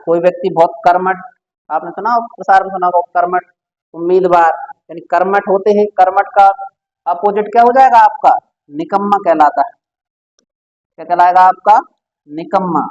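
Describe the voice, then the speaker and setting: High-voiced man teaching vocabulary. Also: a little mellow. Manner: quizzing the listener with repeated questions. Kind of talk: exam-prep Hindi vocabulary lesson. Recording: dull lo-fi sound.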